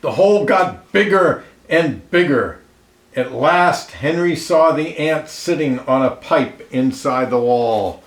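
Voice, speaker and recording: A man reading a children's picture book aloud expressively, pausing to comment and ask listeners questions, in an echoey room. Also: on the high side, animated. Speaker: storybook reader. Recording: roomy, echoey indoor sound.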